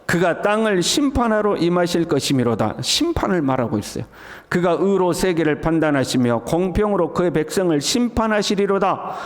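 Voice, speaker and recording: A man with a notably high voice preaches an early morning sermon in a church sanctuary. His voice rings out with a long reverb through the room. He leaps into loud, exuberant exclamations when he acts out the calls to praise. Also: moderate pace. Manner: swings to loud excited exclamations when voicing the psalm's call to praise. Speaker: pastor.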